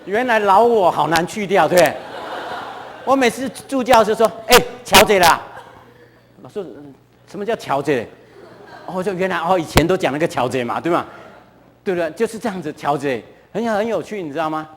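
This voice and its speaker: Man, Taiwanese Mandarin accent, middle-aged, church guest speaker, chatty storytelling, high voice, long hall reverb. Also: animated, quick pace, slight background noise. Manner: chatty, keeps asking the audience questions. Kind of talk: lively storytelling talk to a live audience.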